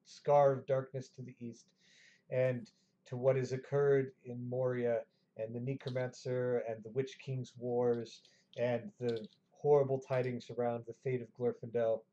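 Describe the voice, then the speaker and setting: A man voicing a grave, formal elder of a wizard council, slow and deliberate. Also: medium pitch, flat delivery, dark tone, muffled recording, natural voice. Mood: solemn.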